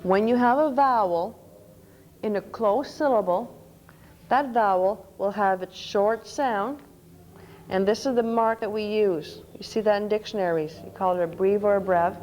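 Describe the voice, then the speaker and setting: A woman's voice: mid-range voice, unhurried, darkish tone, slight background noise, low-quality recording. A woman presenting a conference workshop on teaching reading, explaining step by step and spelling out letters. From Canada. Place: conference session room. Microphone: microphone.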